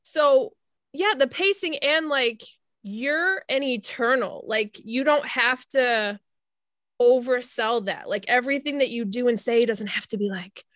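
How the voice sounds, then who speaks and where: Woman, podcast co-host, casual opinionated chat, bright tone, dry sound. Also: a little high, measured pace, dry recording. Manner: animated, opinionated, lots of "like".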